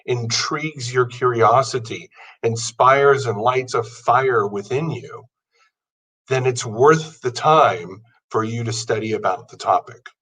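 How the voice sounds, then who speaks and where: A man in his fifties hosting a podcast speaks slowly in a husky, somewhat bright mid-range voice. His motivational monologue is earnest and advances through long lists. The audio is poor and the mic is distant.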